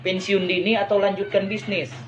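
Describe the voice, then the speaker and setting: A man's voice: high voice, level tone, normal speed, dull audio, slight background noise. A man giving a persuasive business talk to a live online audience, often asking listeners whether they agree and repeating phrases for emphasis. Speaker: business motivational speaker.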